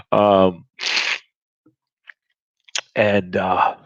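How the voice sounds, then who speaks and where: A man in his forties with a very low voice tells a personal story candidly, blunt and profane yet reflective. The sound is dry and a little dull. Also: expressive, drawn-out words, bright, forceful tone, slightly rough, dry recording. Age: 40s.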